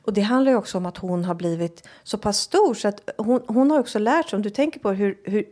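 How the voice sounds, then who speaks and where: A woman speaking as a guest on a parenting podcast, calm and reassuring as she reflects on parents' experiences. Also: mid-range voice. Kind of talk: casual podcast chat.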